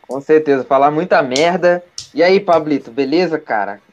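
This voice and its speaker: A man's voice: on the high side, moderate pace, a little hiss or hum. A Brazilian man hosting a live podcast stream in informal, slangy chat. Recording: dull lo-fi sound.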